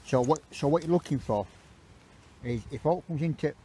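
A man at a night churchyard vigil, explaining ghost-hunting gear in halting, restarting phrases. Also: a little high, warm tone, a little hiss or hum. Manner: halting, restarts mid-word.

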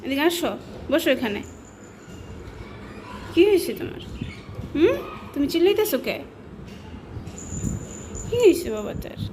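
A woman's voice: high voice, very animated, unhurried, pauses often, a little mellow, slight background noise. A woman talking baby talk to her pet cats, coaxing and asking them the same questions again and again. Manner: cooing, coaxing, repeating questions. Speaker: cat owner.

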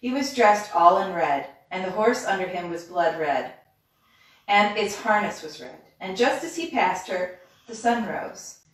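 A woman reads a fairy tale aloud in a steady, measured way, now and then stumbling on a word. Her voice sits at a middle pitch. The recording comes from a very echoey room, with the mic set well away from her. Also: far from the mic. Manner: steady, measured reading with small slips. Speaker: storyteller. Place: reading room.

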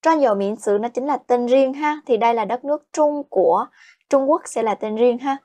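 Woman, Chinese teacher, fairly high voice, slow modeled phrases, lesson style. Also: mellow. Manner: explains in Vietnamese, models Chinese slowly, keeps asking "Được chưa?". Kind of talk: language lesson.

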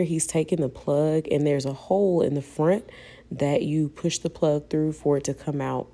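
Woman vlogger, young adult, low mellow voice, chatty, calls viewers y'all. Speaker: vlogger and hairstylist. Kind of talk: casual voice-over vlog narration.

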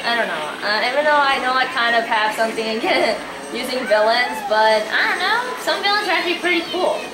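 A young woman hosts a let's play, chatting casually while racing karts with a friend; she's talkative and a little self-deprecating. Her voice is fairly high, animated and brisk. The room is echoey, with game music and a noisy background.

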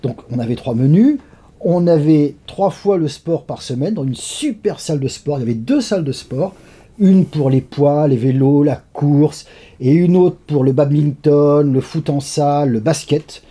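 A man from France, a guest in a conversational interview, telling animated stories with lively asides. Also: fairly high pitch, a little slow, slightly rough.

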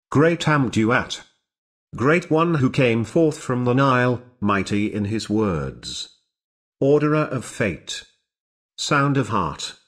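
Reading aloud slowly and solemnly, a man declaims ancient religious epithets in short, separated phrases. His voice is medium-pitched with a breathy edge.

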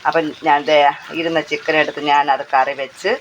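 Hoarse Kerala woman, casual cooking vlogger, phone-held mic, faint sizzle under. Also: low-pitched, flat delivery, moderate pace, highs cut off, slight background noise. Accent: Kerala Malayalam. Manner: chatty, repeats phrases, tag questions. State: hoarse from talking. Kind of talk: casual chat while cooking. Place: home kitchen. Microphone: handheld phone. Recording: faint frying sounds behind.

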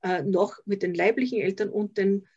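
With a medium-pitched, darkish voice carrying a breathy edge, this older Austrian woman speaks steadily at a moderate pace. As a social worker guest in a conversational interview via video call, she hesitates and restarts often while reflecting. The call audio sounds slightly dull.

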